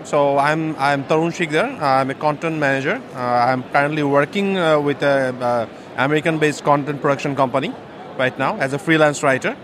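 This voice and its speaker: A man's voice: fairly high pitch, normal speed, crowd noise. A man from Bangladesh, answering a vox pop with hesitant fillers and repeated "you know". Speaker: content manager.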